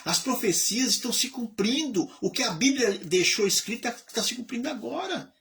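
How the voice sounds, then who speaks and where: A man's voice: very high-pitched, moderate pace, creaky. A man in his fifties from Bahia, Brazil, an evangelist chaplain telling his life story in a conversational sermon, acting out the voices of people in it. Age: 50s. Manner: conversational preaching, lively storytelling with quoted voices. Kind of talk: sermon testimony.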